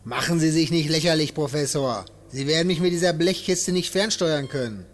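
An actor playing a tough, distrustful male captive in a German audio drama, gruff, combative and defiant. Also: fairly high pitch, fairly quick, close to an everyday voice.

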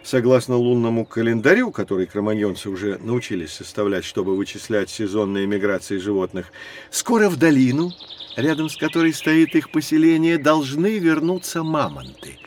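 In a scripted educational audio drama, an actor plays a knowledgeable male professor explaining prehistory to children in a patient, lecturing manner, lightly acted. His mid-range voice has a darkish tone and lively intonation at normal speed, with slight background noise.

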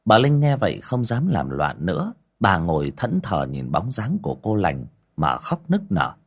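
A male narrator reading a ghost story aloud with dramatic, expressive delivery. His voice is low and slightly husky, rising and falling widely as he builds tension. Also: normal speed. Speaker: audiobook narrator. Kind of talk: scripted horror story narration.

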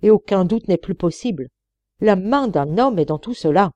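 A woman's voice: fairly high pitch, sing-song, moderate pace, mellow, no echo, muffled recording, voice pushed up. A woman voicing an urgent young miner. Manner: urgent, emphatic exclamations. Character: excited young male miner.

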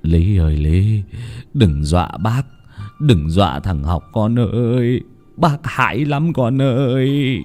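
A man voicing a frightened old man in a ghost story, whimpering slowly in a quavering voice. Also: lowish voice, a little mellow. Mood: terrified.

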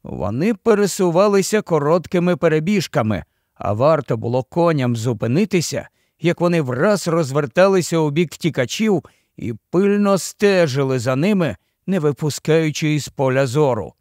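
A man narrating a fantasy audiobook in an even, storytelling delivery. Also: a little high, moderate pace, dry recording, clean studio sound. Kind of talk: scripted narration.

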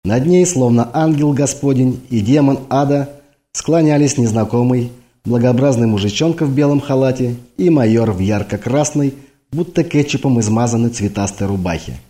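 Man narrating an audiobook, dark voice. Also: medium pitch, moderate pace. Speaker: audiobook reader. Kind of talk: scripted narration.

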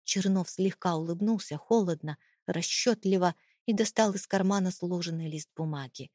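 Brief: woman narrator, first-person drama, low-ish voice, dry close mic. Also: normal speed, a little mellow, no room sound. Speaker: audiobook narrator.

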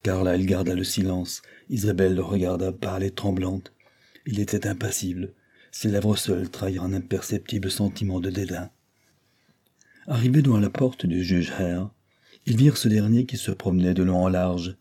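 Casting: audiobook narrator, male, husky and dark-toned, steady delivery. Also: low voice, normal speed. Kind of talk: reading a classic novel aloud.

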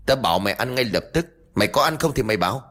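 A man playing a stern, hot-tempered middle-aged village uncle in a spoken ghost story, barking rushed orders. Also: mid-range voice, big pitch swings, breathy edge. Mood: angry.

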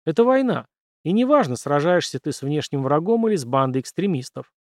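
A man voicing a somber older father, a former soldier, speaking in a measured, grave way. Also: fairly high pitch, very animated, no echo, clean studio sound.

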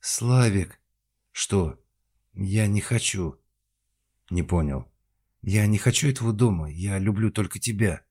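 A man voicing a naive, childlike young woman, raising his voice higher and louder. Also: lively intonation, unhurried, long pauses, breathy edge. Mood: pleading. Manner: pleading, high and raised.

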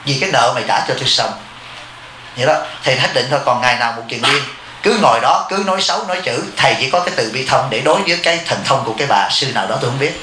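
A man giving a blunt, informal dharma talk to his disciples in a quick, rapid-fire delivery, his voice a little high and very bright. He speaks as a Buddhist abbot, calling himself their teacher. The recording sounds echoey, with a faint hum of noise behind him. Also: animated. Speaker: Buddhist monk and temple abbot.

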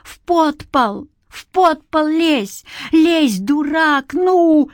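Lady putting on a shrill old village granny, pleading and yelling, slow and drawn out, storybook voice. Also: no room sound, clean studio sound, natural voice. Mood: frantic shouting. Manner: pleading and wailing, then yelling orders. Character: frightened old village grandmother, sharp-tongued.

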